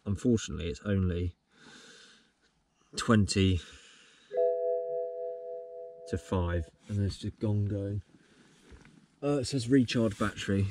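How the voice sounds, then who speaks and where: A young car vlogger chats casually to camera from inside his car, which is parked at times and moving at others, rambling with lots of ums and restarts. His voice is low and a little mellow. The mic is distant, and car noise is clearly audible.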